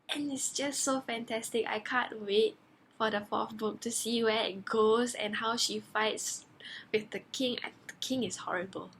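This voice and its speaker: A woman giving a casual book review for her vlog, gushing and animated as she acts out her own reactions. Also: fairly high pitch, a little hiss or hum. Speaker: book vlogger.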